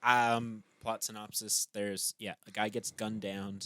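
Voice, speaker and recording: A man co-hosting a podcast in casual chat, relaxed and full of "um" and "like", recorded at an outdoor fire pit. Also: fairly low pitch, unhurried. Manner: relaxed, many fillers like "um" and "like". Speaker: podcast co-host.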